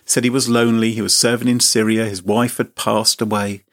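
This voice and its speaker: Brisk and level in tone, a podcast host on a chat show delivers a funny story full of mock outrage. His manner is theatrical and mock-indignant, with sweeping pitch.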